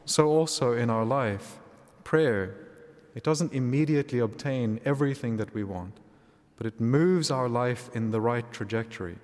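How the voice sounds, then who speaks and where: Man, priest, cathedral echo, long church reverb, measured deliberate delivery, mid pitch. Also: a little mellow. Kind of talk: liturgy, gospel reading and homily. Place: large church.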